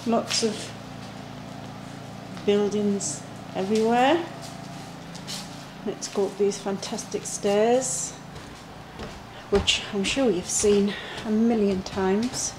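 A woman's voice: mid-range voice, steady tone, slow, pauses often, noisy background. A woman hosting a casual vlog, chatting as she films a walking tour through an old château. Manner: chatty, giving a walking tour while filming. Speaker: vlog host. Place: old château, stairs and rooms.

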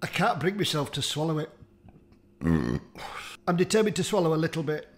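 Sweary man, slightly high voice. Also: huge pitch swings, normal speed. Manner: sweary, theatrical complaining and groaning. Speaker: food challenge host. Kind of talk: comedic food-tasting vlog.

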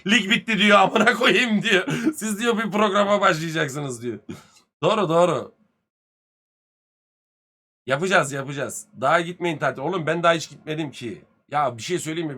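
Male streamer, 30s, a touch high, bright edgy tone, crude swearing banter with chat. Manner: lively, swings loud and soft. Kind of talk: casual live-stream chat with viewers.

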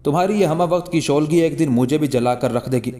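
A man's voice: a little high, brisk, dark tone, close to an everyday voice. A man voicing a scheming king in a read-aloud historical story, persuasive with flowery, pleading speech.

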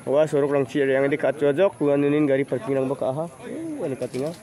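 A man with a fairly high, warm voice talks fast and animatedly while filming a casual walking vlog on a handheld phone camera. He strolls through a rural outdoor fair, chatting and greeting people along the way.

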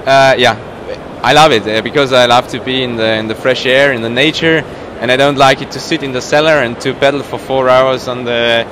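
A man of around thirty, not a native English speaker, gives a casual interview as a professional cyclist at an indoor trade show booth, searching for his words. His medium-pitched voice is steady, brisk and fairly bright. The recording picks up the noisy hall's background ambience.

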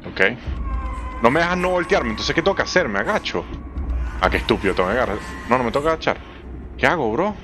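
Over soft background music, this young Venezuelan-accented man talks fast but pauses often while playing a horror game for a let's play. His commentary is excitable, full of swearing and sudden squeaky high-pitched outbursts.

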